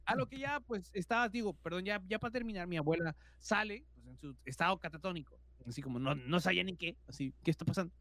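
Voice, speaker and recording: A Mexican man with a high voice, co-hosting a podcast and spinning a scary story in relaxed everyday speech. He fills nearly every phrase with slang and mimics the sounds himself. The recording is dry and close. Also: fast talker, hardly any pauses, dry recording. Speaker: podcast co-host. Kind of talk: casual horror storytelling.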